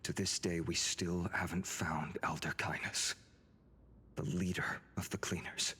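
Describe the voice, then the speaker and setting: An actor playing an earnest young hero in a video game, speaking politely and in a measured way. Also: male voice, low-pitched, fairly even intonation, bright, forceful tone, in a whisper. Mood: serious, measured.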